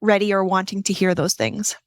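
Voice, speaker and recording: Female guest; thoughtful, measured delivery, medium pitch, dry recording. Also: no room sound. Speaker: interview guest. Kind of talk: casual interview chat.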